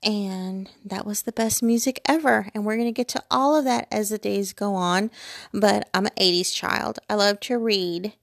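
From her bed at home, an American vlogger in her forties drifts through a casual personal chat, digressive and self-deprecating. The creaky, medium-pitched voice moves at normal speed, and the recording is studio quality with no echo.

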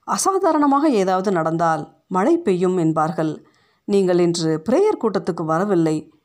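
A woman voicing a smiling school headmistress who talks in a brisk, politely concerned way. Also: lowish voice, lively intonation, darkish tone. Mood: teasing.

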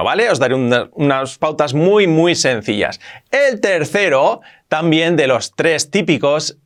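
Male English teacher from Spain, Spanish accent, lively explainer who drills by repetition. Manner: lively, repeats words for drilling, pitch jumps up for emphasis. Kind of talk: explaining grammar to camera.

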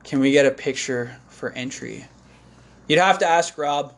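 A man co-hosting an event live stream in casual chat, joking with quick asides and slightly losing his voice. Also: mid-range voice, vocal fry. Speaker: event co-host.

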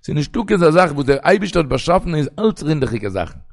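Gravelly-voiced rabbi preaching in Yiddish. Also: male voice, a little high, very animated, fast talker. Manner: rambling, storytelling, quoting sources in a singsong. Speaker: rabbi giving a Torah talk. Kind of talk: Yiddish sermon on the weekly portion.

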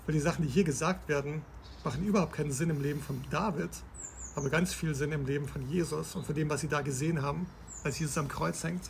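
A man with a slightly high, gravelly voice walks through scripture in relaxed conversational teaching. He reads verses aloud, then explains them and checks in with his listener. Faint noise sits under the recording. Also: quick pace. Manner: explains scripture step by step, asks the listener questions. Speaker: podcast host.

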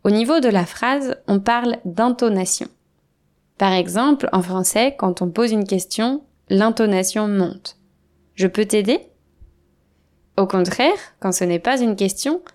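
Woman teaching spoken French, clear and deliberate. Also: mid-range voice. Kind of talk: scripted language lesson.

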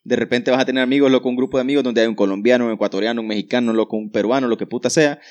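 Fast-talking man. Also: medium pitch, fairly even intonation, darkish tone, lo-fi sound. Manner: rapid, run-on explaining, slang fillers. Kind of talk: casual podcast chat among friends.

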